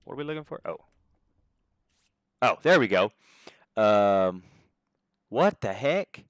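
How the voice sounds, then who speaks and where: A young man gives casual gameplay commentary on a livestream, joking and laughing often. His voice bounces around with lively pitch. The sound is dry and close. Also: slow pace, no echo. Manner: excitable, laughs often, jokey.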